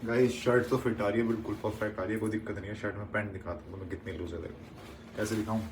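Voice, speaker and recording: A man's voice: fairly low pitch, level tone, fast talker, roomy sound, far from the mic, noisy background. Playful young man vlogging on a phone. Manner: playful, teasing, bursts of mock anger. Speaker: travel vlogger. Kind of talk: casual vlog chat. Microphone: phone held in hand.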